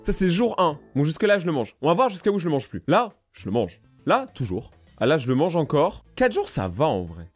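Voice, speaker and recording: A man's voice: fairly high pitch, a little fast, few pauses, slightly rough, soft background music. A young man hosting a reaction video, joking and talking straight to his viewers. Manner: jokey, animated, addressing viewers directly. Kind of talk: casual reaction commentary.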